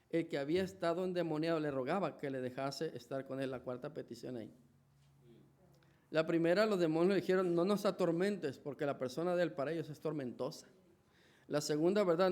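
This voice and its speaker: A man's voice: fairly high pitch, a little mellow. A man with a Mexican Spanish accent preaching a sermon in a church, conversational, with many restarts and rhetorical questions. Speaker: pastor.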